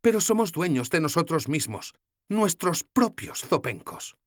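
Male narrator plays a spirited young woman, lifted pitch, earnest, storybook read-aloud. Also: sing-song, a little slow, dry recording, studio quality. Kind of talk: audiobook character voice.

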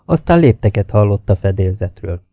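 A man reading a novel aloud as an audiobook, telling it in a measured, steady way that drops to hushed tones. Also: lowish voice, dry recording, clean studio sound. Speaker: audiobook reader. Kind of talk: scripted novel narration.

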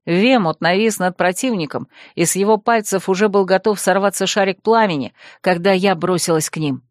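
A woman's voice: mid-range voice, moderate pace, dry recording. Woman narrating an audiobook, dry and close. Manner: expressive storytelling. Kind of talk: first-person audiobook narration.

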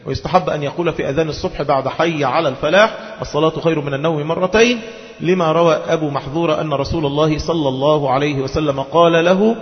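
Male religious teacher, chants drawn-out examples, higher voice, muffled recording in a reverberant hall. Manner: teaching in formal Arabic with colloquial asides, chanting examples slowly. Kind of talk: religious lesson with chanted call to prayer. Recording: dull lo-fi audio with long hall reverb.

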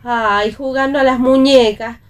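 A woman's voice: sits high, steady tone, measured pace. A woman voicing a fussy, doting mother who sighs over her son, in a radio theatre reading. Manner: fussy, sighing.

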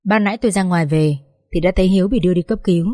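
A woman's voice: fairly low pitch, rapid-fire, warm tone, dry recording, studio quality, close to an everyday voice. A woman voicing a tired, apologetic middle-aged man in a read-aloud story.

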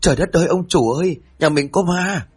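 A man voicing a cheeky, easily frightened young housemaid girl in a spoken ghost story, with shrill, excitable chatter. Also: a little fast, husky, lightly acted. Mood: panicked.

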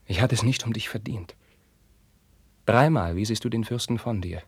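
An actor playing an anguished young prince, declaiming verse in a 1950s radio drama and swinging from hushed whispers to outbursts. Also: male voice, on the low side, normal speed, slightly rough, no room sound. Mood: brooding. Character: young anguished prince, passionate, tormented by forbidden love.

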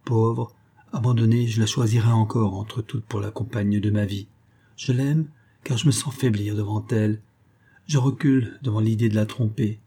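A man's voice: lowish voice, fairly even intonation, normal speed, mellow, husky. A man voicing a brooding, guilt-ridden male pastor who hides a terrible past. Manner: tense, brooding.

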